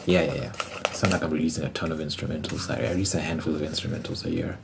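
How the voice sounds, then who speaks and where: A man in his twenties, an ASMR creator and musician, rambles casually on his channel, musing aloud and working out sums as he talks to himself. His voice is extremely low and creaky, he speaks at a racing pace, and the recording is very noisy.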